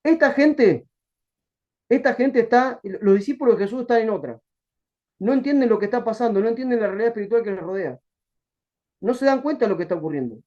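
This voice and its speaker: Rioplatense pastor preaching over a call. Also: male voice, high voice, quick pace. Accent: Rioplatense Spanish. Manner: colloquial and lively, acting out bits of dialogue. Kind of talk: Bible study sermon. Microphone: video call. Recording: dull lo-fi video call audio.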